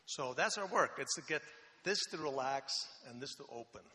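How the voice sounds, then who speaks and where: A man in his sixties from the Faroe Islands, a missionary who consults on Bible translation, is interviewed in a church sanctuary. His mid-range voice is relaxed and joking, full of pauses and fillers, and the hall is reverberant.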